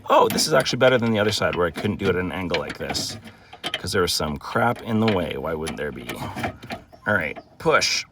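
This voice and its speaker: A man's voice: low-pitched, sing-song, fairly quick, noisy background. A man chatting to viewers in a casual how-to vlog, grumbling with humor while he works outdoors, recorded on a handheld phone. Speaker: DIY vlogger. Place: outdoors on wet grass beside a pickup truck.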